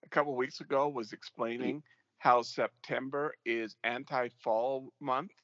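A man's voice: medium pitch, fairly even intonation, a little slow, fairly bright tone, dry recording, highs cut off. A man co-hosting a podcast in casual conversation, telling things with dry, earnest humor. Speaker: podcast co-host. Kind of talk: casual chat.

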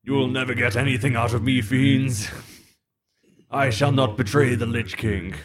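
A man's voice: medium pitch, fairly even intonation, moderate pace, a crowd in the background, pitched above the performer's own voice, close to an everyday voice. A man voicing a defiant captured knight, a Lich King's servant, in grand archaic theatrical speech. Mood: defiant, haughty.

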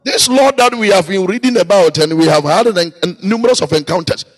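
Male preacher, high husky voice, sing-song chanted sermon with shouted peaks. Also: fast talker, faint music behind.

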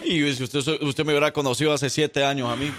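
A man's voice: on the high side, steady tone, fast, over music. A man hosting a morning radio show, chatting playfully and telling jokes. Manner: playful, laughs easily, reads ads. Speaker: radio host. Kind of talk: casual radio banter and joke telling.

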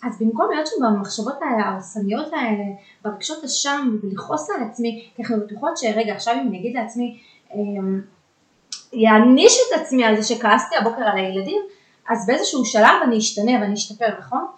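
A woman with a fairly high voice talks as a guest coach on a podcast. She is earnest and emphatic, and often hangs on hesitation sounds before pressing her point. The room around her is noticeably echoey. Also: expressive. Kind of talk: casual podcast conversation. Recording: roomy echo.

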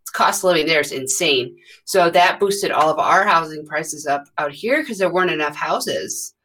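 A woman in her thirties from the US Midwest, a podcast guest chatting casually and rambling with many pauses. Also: low-pitched, lively intonation, a bit bright. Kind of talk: casual conversation.

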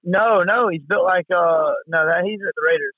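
A man's voice: high voice, normal speed, dry recording, phone-quality sound. A man chatting casually about sports as a co-host, enthusiastic and full of bro-ish slang, often repeating himself. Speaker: co-host of a sports talk show.

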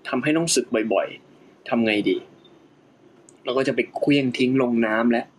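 A man's voice: medium pitch, normal speed, poor audio. Man animatedly retelling a scripture tale. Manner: animated, acts out the story's moments with laughter. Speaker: Buddhist podcast storyteller. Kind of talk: conversational retelling of a scripture story.

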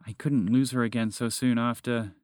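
A man voicing a shaken, earnest father in a children's story, talking in a halting way. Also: mid-range voice, fairly even intonation, a little mellow, clear, resonant tone, no echo, studio quality, lightly acted.

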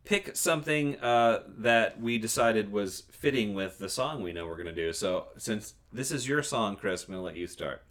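A man's voice: on the low side, lively intonation, normal speed, few pauses, a bit bright. A man from Virginia co-hosting a casual podcast, joking and laughing often. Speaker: podcast co-host. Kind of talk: casual chat.

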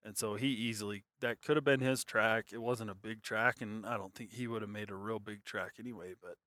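Casual male storyteller, lower voice, halting delivery, dry close recording. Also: steady tone, pushed and bright, no room sound. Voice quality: hesitant, lots of fillers and restarts. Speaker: hunter telling a story.

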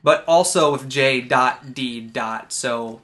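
Bright-voiced young man, dry and wry. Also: medium pitch, takes it slowly. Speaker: podcast co-host. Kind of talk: casual chat.

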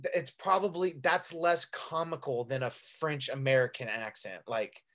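A man co-hosting a casual movie chat, reacting quickly and laughing along. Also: mid-range voice, fairly bright tone. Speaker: podcast co-host.

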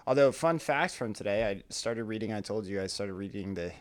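A man with a lowish voice talks fairly quickly as co-host of a casual podcast. He's a teacher, laughing and telling stories with animation.

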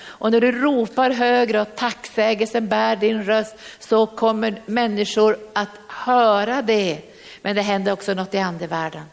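A woman's voice: mid-range voice, gravelly, big-room sound. A woman preacher, delivering a fervent sermon and calling out exhortations to her congregation.

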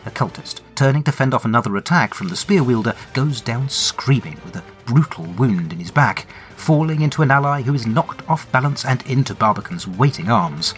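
A man's voice: mid-range voice, expressive, moderate pace, faint music behind. A man narrating his own tabletop adventure with wry, dramatic storytelling. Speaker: game master and narrator. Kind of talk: solo tabletop role-play narration.

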